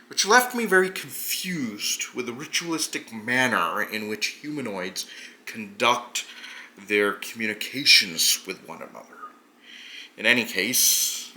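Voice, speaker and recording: A man voicing a pompous, gravelly hobgoblin who sees himself as a hero and formally recounts his tabletop fantasy adventure, drawing out his words. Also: mid-range voice, sharp tone, exaggerated voice. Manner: pompous, deliberate, formal storytelling with drawn-out words. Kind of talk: in-character tabletop adventure narration.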